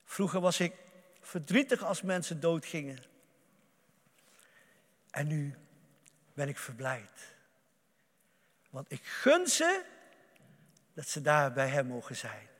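A male preacher delivering an impassioned sermon, swinging between loud outbursts and hushed murmurs. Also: fairly high pitch, very animated, takes it slowly, long pauses, in a large hall.

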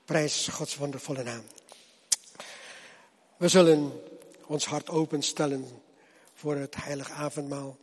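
A man preaching a sermon to his congregation, slow and husky, his voice swelling loud and then dropping low as he calls them to come. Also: steady tone. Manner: slow, swelling and dropping loudness with repeated appeals. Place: church hall. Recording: long reverb of a church hall.

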